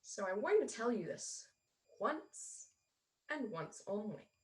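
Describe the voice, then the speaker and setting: A woman playing a stern elven woman with a fey presence in a tabletop game, speaking gravely and deliberately with pauses. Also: a little high, big pitch swings, a bit bright, distant mic, heavily acted. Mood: cold, contemptuous. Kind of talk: in-character tabletop role-play.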